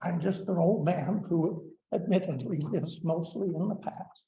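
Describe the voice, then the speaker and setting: Slow, blunt man in his seventies. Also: sits high, gravelly, mellow, echoey room, slight background noise, low-quality recording. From Colorado, United States. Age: 70s. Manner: plainspoken and blunt, with frequent "uh" fillers. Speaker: public commenter, retired superintendent. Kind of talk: public comment at a school board meeting. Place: school board meeting room.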